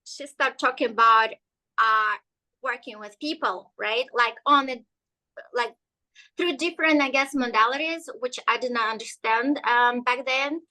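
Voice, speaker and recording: Speaking as a guest in an informal interview, a woman whose first language is Russian narrates her story as an energy healer, often stalling with fillers. Her voice is on the high side, measured in pace, pushed and bright, over poor audio.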